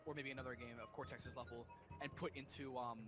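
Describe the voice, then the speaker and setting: A man's voice: medium pitch, steady tone, quick pace, fairly bright tone, soft background music. A young man chatting with friends over gameplay, rambling through his thoughts with lots of fillers and restarts. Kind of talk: casual let's-play commentary among friends.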